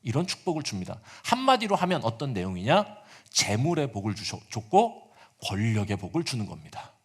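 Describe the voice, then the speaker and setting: Lively storytelling male preacher. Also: medium pitch, brisk, husky. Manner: animated storytelling with casual asides and acted-out quotes. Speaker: pastor. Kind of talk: sermon.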